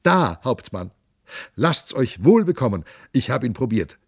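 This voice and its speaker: A man's voice: medium pitch, sing-song, measured pace, creaky, slightly rough, no echo, studio quality, full character voice. A man voicing a sly young cavalier who plays a poor devil, wheedling and pleading, at times shrieking in a frenzy.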